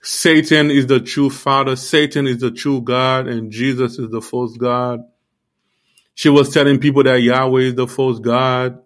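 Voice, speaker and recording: A man giving an earnest, informal sermon, repeating himself often and filling pauses with "you know". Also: mid-range voice, level tone. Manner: earnest, repetitive, many fillers like "you know". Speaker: preacher.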